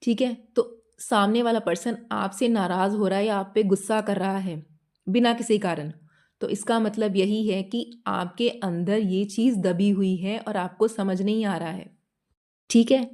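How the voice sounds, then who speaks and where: A woman with a mellow, soft-edged voice gives a spiritual talk straight to her listener. She explains step by step, poses questions, and keeps checking in to make sure she is followed. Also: medium pitch, steady tone, unhurried. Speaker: spiritual guidance channel host.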